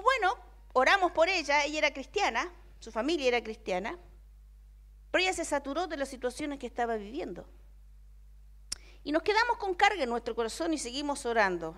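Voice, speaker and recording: A young woman with an Argentine accent preaching a sermon as a personal testimony, moving from hushed, quoted prayers to emphatic declarations. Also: sits high. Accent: Argentine Spanish.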